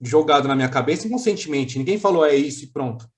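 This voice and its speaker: A man's voice: fairly high pitch, expressive, quick pace, a little mellow. A man from Brazil, a podcast guest, talking in an earnest, reflective way with frequent restarts and casual slang. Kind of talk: casual interview chat.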